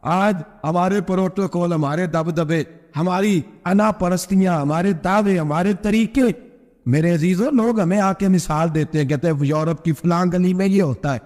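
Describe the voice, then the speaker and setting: Impassioned preacher in echoing hall. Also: male voice. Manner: impassioned, acts out dialogue with sharp pitch swings. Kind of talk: Urdu religious sermon with storytelling.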